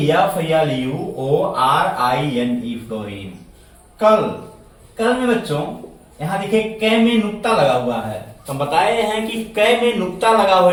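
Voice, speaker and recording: A man teaching a chemistry lesson to students, speaking slowly, repeating words, spelling them out letter by letter and answering his own questions. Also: high-pitched, recorded from a distance. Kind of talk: classroom lecture. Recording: echoey room, voice set back from the mic.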